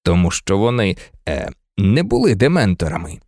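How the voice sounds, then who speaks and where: Lupin, soft low kindly teacher, as a reader puts him on. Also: wildly swooping pitch, moderate pace, dry recording, studio quality. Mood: gentle. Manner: low, quiet, gently amused. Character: calm kindly male teacher.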